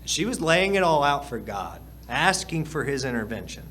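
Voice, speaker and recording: Male pastor, earnest sermon delivery, slightly high voice, repeats for emphasis. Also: sing-song, moderate pace, a bit bright, slight background noise. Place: church hall.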